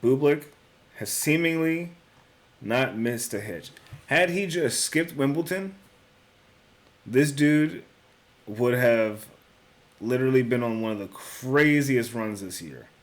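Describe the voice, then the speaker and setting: Thinking out loud about his sports picks, this young solo host corrects himself, swears occasionally, and tosses around "bro" and "dude." He's animated but slow, with a medium-pitched voice and long pauses.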